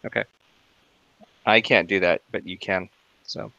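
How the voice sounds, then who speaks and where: A man's voice: low-pitched, fairly even intonation, unhurried, vocal fry, pushed and bright. A man playing in a tabletop game, asking hesitant questions. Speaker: player. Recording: dull lo-fi sound.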